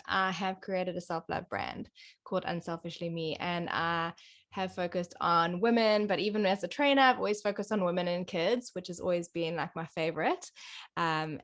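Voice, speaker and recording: A woman's voice: lowish voice, fairly bright tone. A woman in her thirties with a South African accent, a coach speaking earnestly and with enthusiasm as a podcast guest. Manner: earnest, enthusiastic, laughs between points. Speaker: podcast guest, yoga and self-love coach. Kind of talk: casual interview answers.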